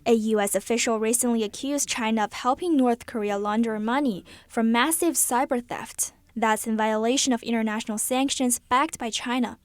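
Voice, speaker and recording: A woman's voice: fairly high pitch, normal speed, few pauses, no room sound. A woman reporter narrating a scripted news report.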